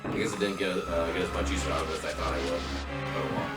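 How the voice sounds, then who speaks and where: A man's voice: low-pitched, steady tone, quick pace. A man streaming a video game, commenting in a wry, chatty, self-deprecating way. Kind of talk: casual gaming commentary. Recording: roomy, distant mic with game music.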